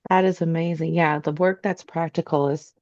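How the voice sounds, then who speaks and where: A woman hosting an interview podcast, reading a measured scripted intro and then asking chatty questions. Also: low voice, steady tone, a little mellow, dull audio. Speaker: podcast host.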